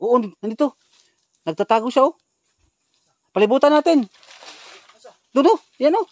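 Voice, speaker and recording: A man's voice: extremely high pitch, expressive, moderate pace, a little mellow, dry recording. A man on a ghost-hunting vlog, urgently giving tense commands to his companions outdoors in a forest. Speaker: ghost hunter.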